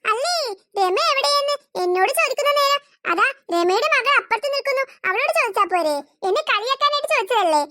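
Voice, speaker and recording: A woman's voice: very high voice, expressive, quick pace, very noisy. A woman voicing a short-tempered cartoon mother who snaps and scolds. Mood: irritated. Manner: snappish, scolding. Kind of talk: cartoon voice acting.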